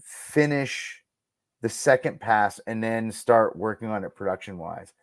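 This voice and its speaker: A man with a lowish, animated voice speaks at a measured pace with no echo, appearing as a guest in a casual podcast interview. A radio producer and audio drama creator, he talks about his own creative work with enthusiasm and emphasis, acting out quoted lines.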